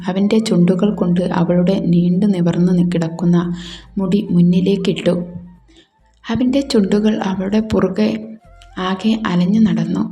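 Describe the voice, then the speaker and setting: A woman narrating a romance story in a calm, measured reading voice, with a roomy echo and faint music. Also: mid-range voice.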